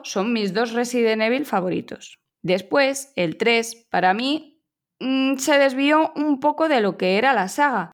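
Woman host reading a message aloud. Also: on the high side. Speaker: podcast host.

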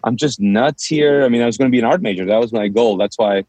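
Talking fast in a mid-range voice with no room sound, a pastor from Kuwait shares his story in a casual interview. His first language is Urdu, and he's an animated storyteller who acts out the lines of quoted dialogue.

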